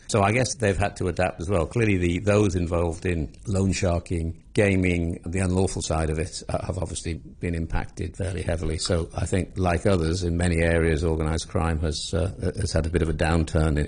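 A man in his sixties from England, a former police commander, answering interview questions in a measured way with dry, understated humour. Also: low voice, a little mellow, breathy edge.

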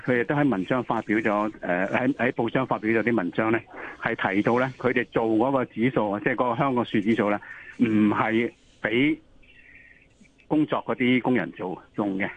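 Male expert interviewee on a thin, slightly noisy phone connection, Hong Kong Cantonese accent, instructive, repeats key points. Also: mid-range voice. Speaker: interview guest, occupational health expert. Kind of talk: explanatory interview answers. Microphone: telephone call. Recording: tinny phone line with noise.

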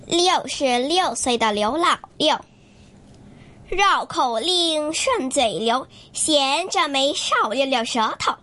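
A young woman student reciting a long tongue twister with steady rhythm. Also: high voice, takes it slowly. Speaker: student performer.

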